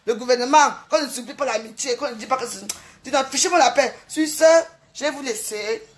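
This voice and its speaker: A woman's voice: high-pitched, a little fast. A woman on a livestream, boasting and mocking her rivals in a repetitive, taunting rant. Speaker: social media livestreamer.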